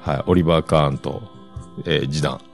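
Fifties male podcast host, Kansai accent, low and gravelly, chatty and rambling. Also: steady tone, fast talker, soft background music. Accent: Kansai Japanese. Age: 50s. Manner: rambling, chatty, loose asides. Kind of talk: casual solo chat.

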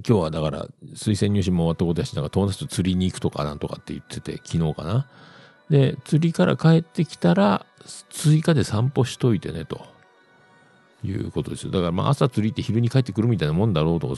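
A man's voice: sits low, lively intonation, fast, gravelly, warm tone, husky, faint music behind. A middle-aged man, hosting a casual solo radio-style show in a rambling, chatty way with self-amused asides. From Yamaguchi, Japan. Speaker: podcast host.

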